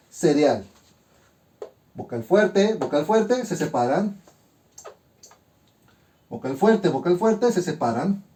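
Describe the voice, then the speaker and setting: A man teaching a grammar lesson, methodically walking through examples and sounding out syllables slowly. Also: high voice, a little mellow.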